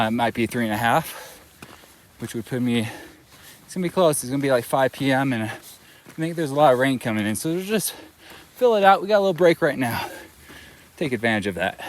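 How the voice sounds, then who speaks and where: A man's voice: mid-range voice, normal speed. A man talking casually to his camera while hiking a mountain trail, rambling with lots of fillers, outdoors with rain and hail around him. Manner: relaxed, rambling, with many fillers. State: a little out of breath. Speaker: thru-hiker vlogger. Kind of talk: casual trail vlog narration. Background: light rain, wind and hail.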